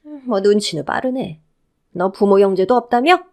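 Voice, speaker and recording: A woman's voice: mid-range voice, expressive, moderate pace, a little mellow, natural voice. A woman voicing a domineering older mother-in-law who scolds and barks orders, in radio drama acting.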